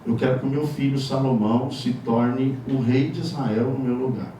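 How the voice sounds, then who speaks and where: A man's voice: medium pitch, moderate pace, dark tone, a little hiss or hum. A male pastor from Brazil preaching a sermon in a conversational way, with wry asides and chuckles, in a church. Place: church sanctuary. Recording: echoey church hall from far off.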